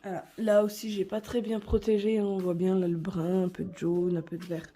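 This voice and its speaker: A woman's voice: mid-range voice, little pitch movement, a little fast, mellow. A young woman vlogger chatting casually and a bit hesitantly as she shows her coloring books, with many fillers.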